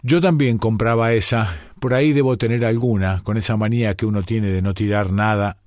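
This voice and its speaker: A man's voice: on the low side, fairly even intonation, brisk, a little mellow, no echo, studio quality, close to an everyday voice. A man voicing an easygoing friend who rambles about keeping old things, in a radio story. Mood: rambling.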